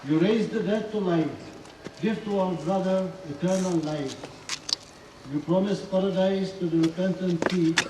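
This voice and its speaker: A man's voice: sits high, fairly even intonation, unhurried. A man reading solemn funeral intercessions as a minister. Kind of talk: solemn funeral prayer, read liturgy. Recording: roomy distant pickup, clear background noise.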